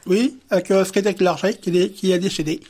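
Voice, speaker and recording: A man's voice: high-pitched, steady tone, fairly quick, a little mellow, husky. Man giving short plain answers. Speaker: guest, fellowship member. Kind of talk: radio interview.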